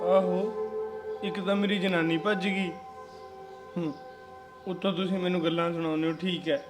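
A man's voice: sits high, flat delivery, normal speed, music in the background, close to an everyday voice. An actor playing a lovesick son who whines that his wife left him. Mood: whining. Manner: whining, pleading.

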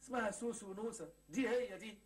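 A man plays a sulky young Egyptian man in a TV sitcom, broke, lovesick and full of self-pity. He grumbles in a fairly high voice, and the words come tumbling out very fast. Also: lightly acted. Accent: Egyptian Arabic. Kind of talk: 1980s Egyptian TV sitcom acting.

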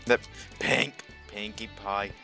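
A woman guesting on a gaming video, bossy and animated as she urges her teammate on. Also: extremely low pitch, slow pace, soft background music. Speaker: guest player. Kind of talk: casual gaming chat.

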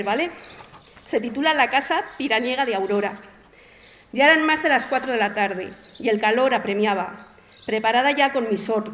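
A woman from Spain, an amateur writer reading her short story aloud in a modest, unhurried way. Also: a little high. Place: municipal auditorium. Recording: echoey hall.

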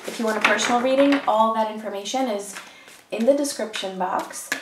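A tarot reader with a stuffy cold gives a chatty, meandering reading to camera, full of ums, seated at a table indoors. Her voice is on the high side and a little fast, caught by a distant mic in an echoey room with background noise.

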